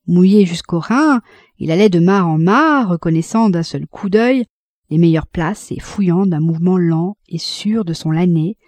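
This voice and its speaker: A woman reading a classic novel aloud in an expressive, measured audiobook narration. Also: on the low side, no room sound, clean studio sound. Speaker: audiobook reader.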